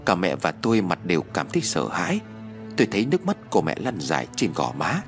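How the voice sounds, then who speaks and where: A man narrating a first-person ghost story as an audiobook reader, in an expressive, dramatic way. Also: deep voice, fast, music in the background.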